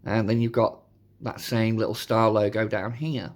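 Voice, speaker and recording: A man hosting a casual, chatty toy review, his voice hoarse from a sore throat. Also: lowish voice, level tone, normal speed. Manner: informal, chatty. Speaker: host of a toy review channel.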